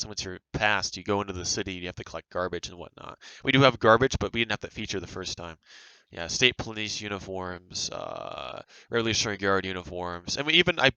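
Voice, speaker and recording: Man, lowish pitch, very sharp forceful tone, dry close sound, defensive off-the-cuff commentary. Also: clear, resonant tone, no room sound, rough recording. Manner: defensive, rambling. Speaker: game developer reacting to a review.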